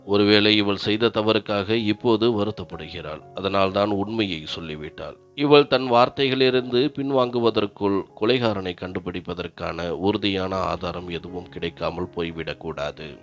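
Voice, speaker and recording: A man's voice: low voice, normal speed. A man voicing a stern older mother who speaks firmly and insistently. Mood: accusing. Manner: firm, insistent. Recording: dull lo-fi narration with faint music.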